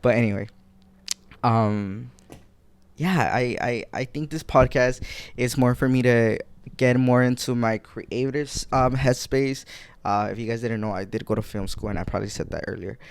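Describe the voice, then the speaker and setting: A man's voice: medium pitch, normal speed, clean tone. A man in his twenties, from Guatemala, hosting a casual solo podcast from home on a desk mic, rambling and correcting himself as he talks to listeners. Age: 20s. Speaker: podcast host.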